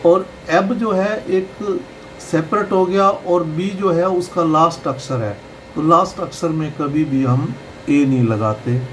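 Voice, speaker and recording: Man, teacher, very slow explanatory lesson, patient, repeats each sound. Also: on the high side, slight background noise, rough recording.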